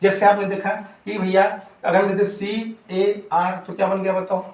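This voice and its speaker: A man's voice: sits high, flat delivery, normal speed, darkish tone, roomy sound. A man teaching an English lesson, asking questions and answering them himself and repeating each point, addressing his students fondly. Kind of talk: classroom-style lesson.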